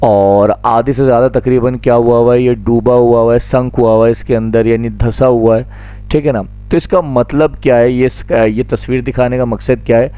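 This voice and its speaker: Patient male teacher with a mellow voice. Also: mid-range voice, steady tone, moderate pace, clear, resonant tone, dry recording. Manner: patient, repeats points, asks and answers his own questions. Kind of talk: classroom lecture explaining a poem.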